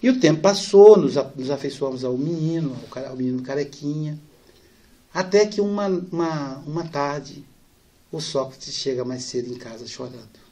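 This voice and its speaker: A man giving a spiritist lecture, telling family anecdotes lively and softening for the sad parts. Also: fairly high pitch, moderate pace. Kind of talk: storytelling lecture.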